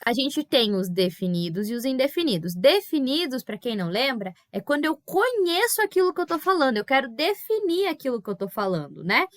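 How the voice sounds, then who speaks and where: A woman teacher with a Brazilian Portuguese accent walks her pupils patiently through a recorded Spanish review, often pausing to check they follow. Her voice sits high. The sound is close and dry, with no room around it. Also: very animated, dry recording.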